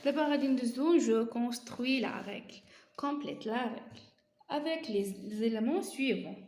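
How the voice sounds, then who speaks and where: Woman, Moroccan accent, teacher, repeats key terms, higher pitch, echoey room. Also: moderate pace, a little mellow. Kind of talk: explaining a lesson.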